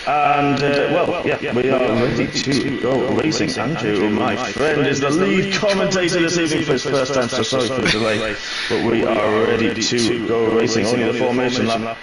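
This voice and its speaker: A man's voice: moderate pace, few pauses, recorded from a distance. A man doing live sim-racing commentary, chatty and full of fillers, his mic sounding like he is in a cave. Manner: chatty, with many fillers and hedges. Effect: echoey cave-like sound on his mic. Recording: echoey boomy mic with loud crowd noise.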